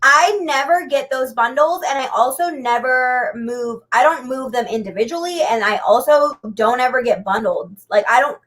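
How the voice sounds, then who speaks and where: A woman's voice: high voice, normal speed, few pauses, a bit bright. A woman co-hosting a casual podcast chat, talking in a chatty way full of "like" fillers. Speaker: podcast co-host.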